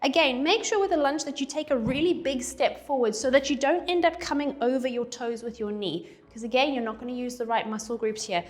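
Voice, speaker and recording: Breathless high-voiced woman coaching a workout. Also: a little fast, hardly any pauses. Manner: coaching while exercising, counting reps aloud. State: slightly out of breath. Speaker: fitness instructor. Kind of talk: workout instruction.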